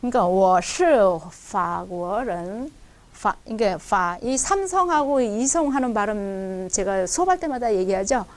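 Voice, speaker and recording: A woman teaches a language lesson online. She draws out drill sounds slowly for learners to copy, then explains in quick, conversational stretches. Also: a little high, very animated. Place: recorded for an online class video.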